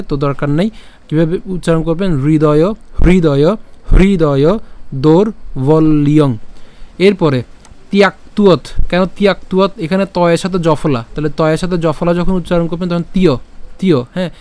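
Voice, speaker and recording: A man teaching how to pronounce a scripture verse, breaking words into syllables, repeating them and pausing with "ah" fillers. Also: a little high, clean tone. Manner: chants verse words slowly and louder. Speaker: Gita recitation teacher. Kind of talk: slow pronunciation lesson.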